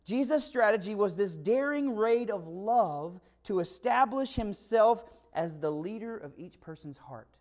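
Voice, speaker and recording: A man's voice: high voice, expressive, unhurried, hardly any pauses, darkish tone. A man preaching a conversational Christmas sermon, emphatic and full of rhetorical questions. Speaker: pastor.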